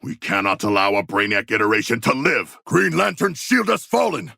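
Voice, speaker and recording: A man playing a hulking shark-man warrior in a video game, with a rough gravelly voice and stilted, formal, proudly bloodthirsty yet earnest speech. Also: medium pitch, sing-song, moderate pace, sharp tone, no room sound, studio quality, full character voice. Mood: battle-roused, proud. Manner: stilted formal diction, grandiose, literal-minded. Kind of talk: video game character voice lines.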